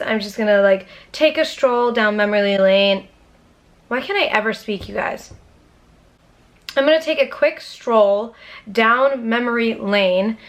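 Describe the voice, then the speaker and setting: A woman's voice: medium pitch, fairly bright tone. A young woman telling a storytime vlog to her camera, casual and chatty, swearing freely and filling with "um" and "anyways". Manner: casual, profane and chatty, with frequent fillers. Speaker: YouTuber. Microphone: camera mic, talking to camera.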